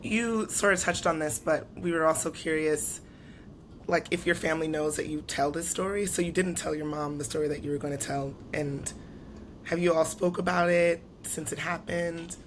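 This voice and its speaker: A woman co-hosting a casual interview, asking questions softly. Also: low-pitched, steady tone, normal speed, slight background noise. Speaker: podcast co-host.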